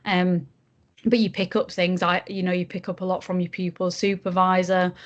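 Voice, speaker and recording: A young woman with a broad Yorkshire accent, explaining things in a casual podcast interview with frequent ums and pauses. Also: fairly low pitch, level tone, muffled recording. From Yorkshire, England. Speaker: junior barrister, podcast guest.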